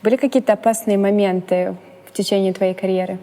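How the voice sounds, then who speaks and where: A woman's voice: medium pitch, fairly even intonation, fast, dark tone. Playful woman interviewer, echoey room. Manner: playful, teasing follow-ups. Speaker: interviewer and channel host. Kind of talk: casual interview. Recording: reverberant room with faint music.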